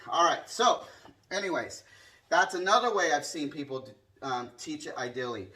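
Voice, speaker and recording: In a fairly high, pushed and bright voice at normal speed, a martial arts instructor walks casually through a hands-on demonstration. Short counts and strike sounds punctuate his talk, and the microphone is placed far away.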